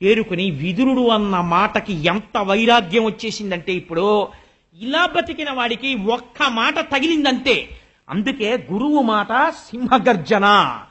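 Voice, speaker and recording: A man's voice: high-pitched, measured pace. An older man giving a spiritual discourse, telling stories and acting out the voices of the people in them. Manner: animated storytelling, acts out quoted voices. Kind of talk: Telugu religious discourse. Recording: dull lo-fi recording.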